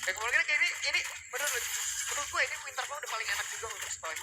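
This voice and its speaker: A man with an Indonesian accent giving fast commentary as an esports shoutcaster. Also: extremely high pitch, lively intonation. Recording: loud music behind the voice.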